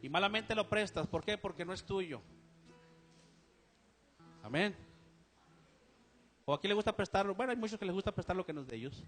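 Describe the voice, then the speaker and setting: A man's voice: high voice, lively intonation, normal speed, long pauses, a bit bright, faint music behind. A man with a Mexican Spanish accent preaching a sermon to his congregation, asking them questions and saying amen often. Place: church service, live stream.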